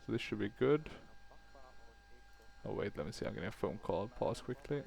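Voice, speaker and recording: A man's voice: fairly low pitch, lively intonation, moderate pace, creaky, darkish tone. A man giving casual gameplay commentary on a flight simulator, thinking aloud in short phrases.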